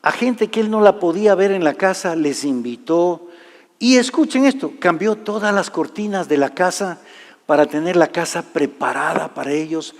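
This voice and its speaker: A man preaching a sermon, telling a personal story and swinging from loud to hushed delivery. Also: sits high, normal speed. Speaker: pastor. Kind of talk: sermon testimony. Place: large church hall. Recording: live church hall reverb.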